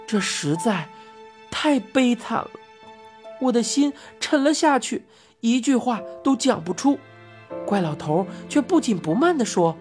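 Woman narrating a storybook, expressive, fairly high voice, faint music behind. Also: unhurried. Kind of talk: storybook reading.

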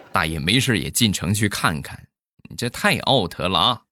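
A middle-aged man telling comic stories, with drawn-out trailing sounds. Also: low voice. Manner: animated, drawn-out trailing 'ah's. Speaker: comedian storyteller. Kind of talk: comic storytelling monologue.

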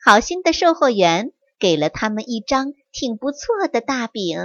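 A woman telling a bedtime story to a child, gentle and expressive. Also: on the high side, normal speed, no echo. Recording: dry, slightly muffled.

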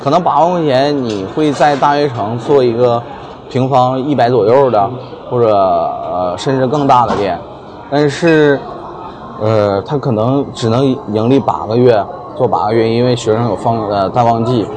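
A man's voice: mid-range voice, moderate pace, noisy background. A man from China giving casual interview answers as a small business owner, thinking aloud. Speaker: milk tea shop owner being interviewed. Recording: busy crowd chatter behind.

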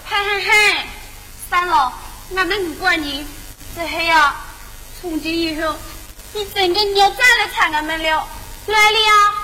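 A lively village sister, very high. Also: female voice, unhurried, pauses often, heavily acted. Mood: scolding. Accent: Gannan (southern Jiangxi). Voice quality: bright, animated stage speech. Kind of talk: regional tea-picking opera performance. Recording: stage recording in a reverberant hall with faint noise.

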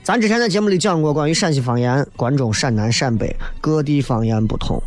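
Over soft background music, a man from Xi'an in China's Shaanxi province speaks briskly and expressively at medium pitch. As a comedy show host with a Shaanxi accent, he gives a funny, colloquial observational monologue on city life and local speech, breaking into impressions.

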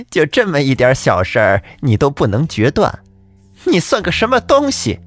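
A man's voice: mid-range voice, very animated, a little slow, no room sound. A male storyteller voicing a brash, bossy older woman who talks down to her husband, with faint guitar music behind. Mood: scornful.

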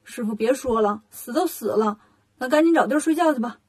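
A woman voicing a clever, cocky monkey king in a storybook reading, speaking briskly and teasingly. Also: fairly high pitch, a little mellow, husky.

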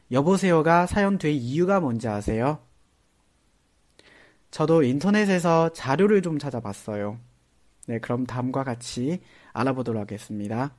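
A man giving a chatty, casual lesson, often starting phrases with a soft "ne". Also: fairly high pitch. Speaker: Korean language teacher.

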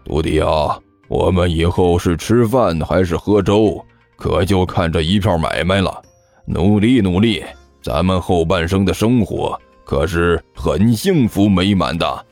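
A male narrator voicing a grumpy, gruff older master swindler who scolds his apprentice in an audiobook story. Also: low-pitched, a little slow, a little mellow, no echo, soft background music, voice pushed down. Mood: drowsy.

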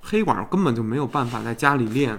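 A man with a Beijing accent telling stories in casual chat, colloquial, earthy and animated, like a talk show host. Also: mid-range voice, fast talker. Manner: colloquial, crude and animated storytelling with swearing. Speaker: podcast host.

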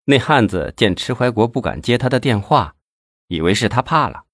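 A man narrating an audiobook with expressive storytelling. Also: medium pitch, moderate pace, no echo, clean studio sound.

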